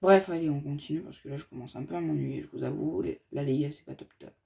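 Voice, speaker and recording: A man's voice: on the high side, fast, gravelly, dark tone. A man giving casual game commentary as a gaming youtuber, chatty and rambling, talking straight to his viewers.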